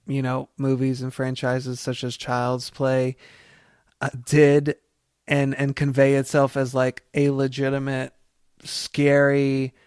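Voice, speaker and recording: Smooth-voiced man musing on a podcast. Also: mid-range voice, no echo, studio quality. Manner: reflective, meandering storytelling. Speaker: podcast co-host. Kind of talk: casual podcast chat.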